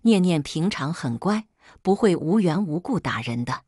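A humble working mother pleads with an anxious, earnest tone, as a woman reading a storybook acts her out. The voice is low and breathy, dry and close to the mic. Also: expressive, moderate pace, darkish tone, no echo.

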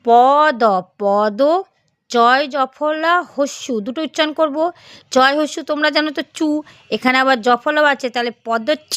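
Slow, careful woman spelling out letters. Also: high voice, fairly bright tone, smooth, no echo, clean studio sound. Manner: spells out letters syllable by syllable, drawn-out. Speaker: teacher. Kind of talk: slow spelling lesson for children.

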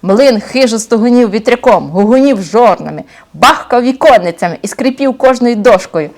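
A woman reading a fairy tale aloud to children, lively and pausing to ask them questions. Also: on the high side. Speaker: storyteller for children. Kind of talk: expressive children's story reading.

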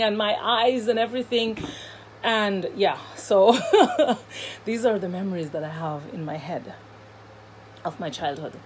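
A woman's voice: a little high, rough recording. Woman minister telling her testimony, earnest, stumbly, lots of repeats, bit of faint hiss behind. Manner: earnest, halting storytelling with repeats and fillers. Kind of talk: personal testimony.

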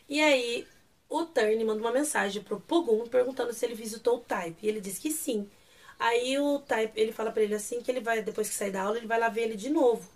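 A young Brazilian woman with a Brazilian Portuguese accent, animatedly recapping and gushing over a series episode in casual chat. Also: on the high side. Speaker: series reviewer.

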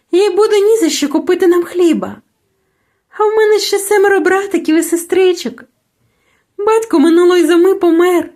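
A woman's voice: extremely high pitch, darkish tone, voice pushed up. A woman voicing a timid, poor young girl who speaks in a plaintive, sighing way in a storybook reading.

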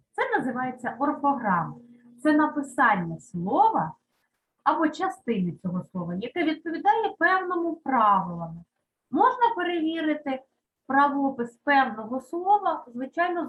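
Female primary teacher, high lively voice, deliberate dictation pace; muffled recording. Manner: slow, clear dictation of words to children. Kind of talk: children's lesson. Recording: dull lo-fi sound.

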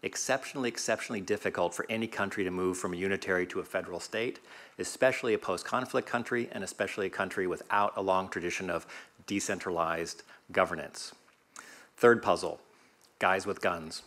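A man in his fifties giving measured remarks as a panelist at a conference table microphone in a meeting room. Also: deep voice, steady tone, a bit bright. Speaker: panelist and legal advisor.

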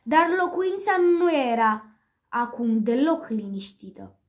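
A woman reads a children's storybook aloud, her voice sitting high. She keeps the telling lively, now and then stumbling over a word and correcting herself. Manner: lively read-aloud with small slips.

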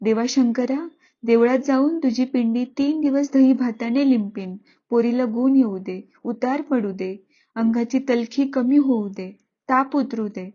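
A woman's voice: fairly high pitch, a little slow, dark tone, dull audio. A woman voicing an overworked middle-aged village mother who scolds in a raised, exasperated voice. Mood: pleading prayer.

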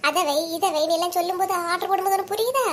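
A woman's voice: extremely high pitch, very fast. A woman voicing several chatty, scolding village women in a cartoon, speaking with a Kanyakumari Tamil accent. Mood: gleeful. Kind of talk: cartoon voice acting.

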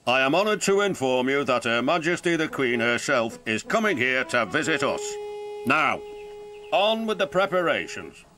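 A man's voice: mid-range voice, very animated, moderate pace. A man voicing a stern, pompous railway boss. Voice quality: formal, commanding. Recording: narration over loud music.

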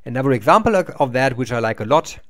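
A middle-aged university lecturer records a lecture over slides to a webcam in a small room. He explains step by step, talking fast with a fairly bright tone and lots of expressive pitch movement, and he often repeats or restarts a word mid-sentence.

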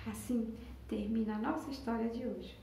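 A woman teacher with a Brazilian accent telling a story to young children, expressive and asking them questions. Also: on the high side, moderate pace, noisy background. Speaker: preschool teacher. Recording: echoey room, mic far off.

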